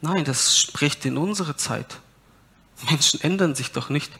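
A man's voice: fairly high pitch, unhurried, vocal fry, sharp tone, breathy edge. A man preaching a sermon, asking his listeners rhetorical questions and reading scripture aloud with emphasis.

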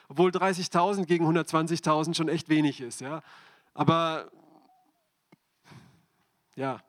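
A man's voice: high voice, a bit bright. A man preaching a sermon, speaking directly to the congregation and asking them repeated questions.

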